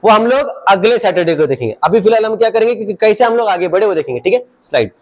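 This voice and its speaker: A man's voice: high-pitched, expressive, fast. A man teaching a class of children in a classroom, coaxing and asking them the same question again and again. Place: classroom with a projector.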